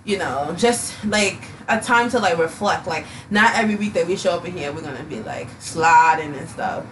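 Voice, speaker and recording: A woman's voice: fairly low pitch, expressive, normal speed, fairly bright tone, recorded from a distance, slight background noise. A tired, sleepy woman co-hosting a podcast, chatting loosely with lots of fillers and some playful teasing. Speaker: podcast co-host. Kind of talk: casual chat.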